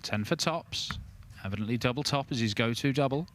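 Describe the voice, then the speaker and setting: Man, live darts commentary, sharp bright voice, faint background venue noise. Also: medium pitch, fairly quick.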